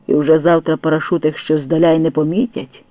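A man reading a first-person story aloud as an audiobook narrator, in a steady storytelling manner. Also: a little high, fairly quick, dry recording. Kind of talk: scripted narration. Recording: tinny phone-like dry sound.

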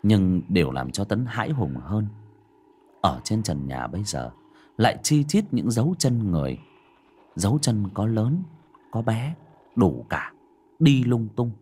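A man reading a horror story aloud in a dramatic, expressive way. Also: on the low side, measured pace, long pauses, breathy edge. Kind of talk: scripted horror narration.

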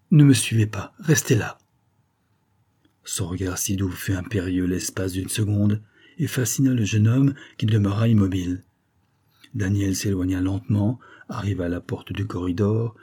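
A man narrating a classic novel as an audiobook in a measured, even storytelling manner. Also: fairly low pitch, husky. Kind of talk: scripted literary narration.

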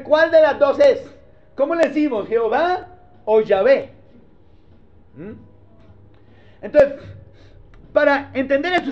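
A male pastor, teaching a sermon in a conversational way and often checking that the congregation follows. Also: extremely high pitch. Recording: dull lo-fi sermon recording.

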